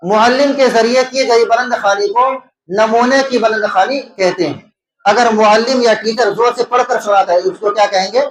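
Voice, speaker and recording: A high-pitched man with an Indian Urdu accent teaches an exam-prep lesson. He poses questions and answers them himself, going over key terms again. His voice rings in an echoey room.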